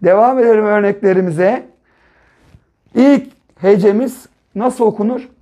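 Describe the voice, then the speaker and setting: A patient male primary school teacher leads young children through a reading lesson, sounding out syllables one at a time before blending them into words. His voice is mellow and soft-edged, and he often closes a point with a gentle checking question. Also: high voice, a little slow, dull audio.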